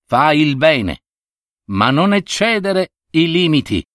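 A man narrating a storybook fable in an expressive, lively reading style. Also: a little high, slow pace, no room sound, clean studio sound.

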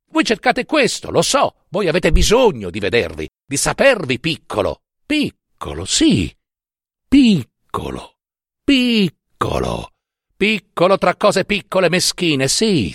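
A man's voice: on the low side, dry recording, clean studio sound. A man voicing an indignant young male professor who scolds and mocks with emphatic reproach.

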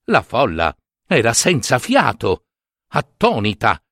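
A man narrating a myth as a storyteller, lively and theatrical, giving each character a voice. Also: mid-range voice, slow, dry recording, clean studio sound.

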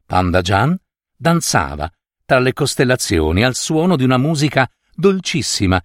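A man narrating a fairy tale in an expressive storybook style. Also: medium pitch, normal speed, no room sound, clean studio sound. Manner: expressive, lively melody.

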